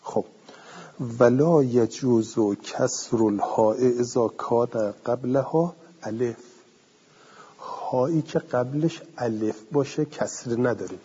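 Male teacher, very husky mellow voice, reads a text then explains it, answers his own questions; lo-fi recording. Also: mid-range voice. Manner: reads a passage aloud, then explains it conversationally; asks the class questions and answers them himself. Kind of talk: classroom lecture on a classical text. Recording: dull lo-fi recording with long hall reverb.

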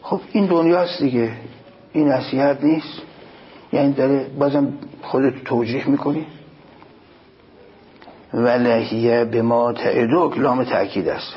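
Man preaching a sermon, dull lo-fi sound. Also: medium pitch. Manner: recites Arabic passages then explains them in Persian; emphatic, rising on key points. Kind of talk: religious sermon. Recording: dull lo-fi recording, faint noise.

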